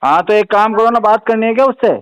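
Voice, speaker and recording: Taunting fast-talking man on a call. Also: high voice, smooth, no room sound. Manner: insolent, taunting, uses rude familiar address. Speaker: borrower on recorded calls. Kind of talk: rude phone argument. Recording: phone call recording.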